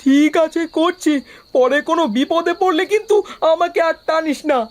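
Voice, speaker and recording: A man's voice: very high voice, moderate pace. A man voicing a nervous young village man in a cartoon, speaking in an anxious, pleading way. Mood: worried.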